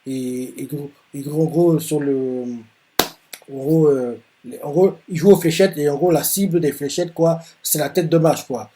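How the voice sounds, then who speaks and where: A man's voice: on the high side, steady tone, a little slow, warm tone, slight background noise. A man casually retelling a manga chapter, rambling with many fillers and restarts. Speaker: manga reaction host.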